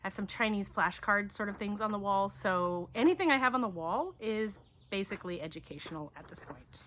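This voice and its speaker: Bright-voiced woman chatting outdoors. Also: medium pitch, expressive, fairly quick. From Taiwan. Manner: chatty, answering questions in turn. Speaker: homeschooling YouTube host. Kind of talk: casual chat.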